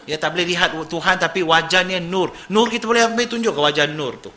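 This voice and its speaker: A man delivers a sermon as a story, chatty and animated, slipping English words in among his phrases. His voice sits a little high, with a sharp, forceful edge. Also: fast. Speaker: preacher.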